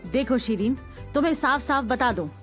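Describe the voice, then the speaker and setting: A woman dubbing a dramatic middle-aged mother who scolds and complains, with soft music behind. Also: sits high, expressive, normal speed. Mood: aggrieved. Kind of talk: Hindi dub of a TV drama.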